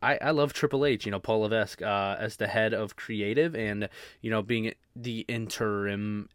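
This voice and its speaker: A man hosting his own podcast in casual solo chat, rambling and halting, with many fillers and restarts. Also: on the low side, fairly even intonation, smooth, no room sound, studio quality. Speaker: podcast host.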